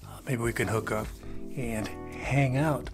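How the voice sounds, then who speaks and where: A man's voice: mid-range voice, steady tone, a little slow, soft background music. An older man from Texas giving a casual talking-head RV travel update, rambling with lots of "uh" fillers and folksy asides. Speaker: RV travel vlogger. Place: plain indoor room, grey wall.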